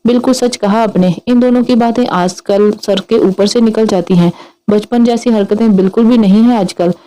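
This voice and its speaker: A woman voicing a gentle, hospitable middle-aged mother in a read-aloud story. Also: medium pitch, normal speed, close to an everyday voice, rough recording.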